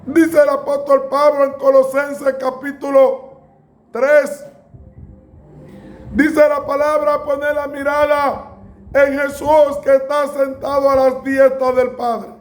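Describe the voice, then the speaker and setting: Slow high-voiced man preaching. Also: monotone. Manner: slow, emphatic preaching with bursts of shouting. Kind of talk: sermon.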